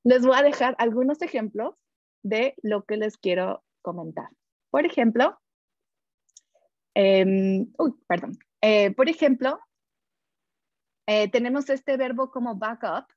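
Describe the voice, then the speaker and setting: A woman's voice: a little high, slow, pauses often, darkish tone, no echo, muffled recording. A woman teaching English in a webinar, explaining with many examples, fillers and restarts. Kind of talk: webinar lesson.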